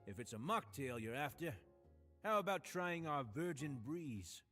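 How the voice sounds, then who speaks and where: Genteel bartender. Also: male voice, fairly high pitch, very animated, unhurried, sharp tone, faint music behind, exaggerated voice. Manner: genteel and polite, oddly eager. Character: suave, courteous male hotel bartender who collects ears. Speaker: game character.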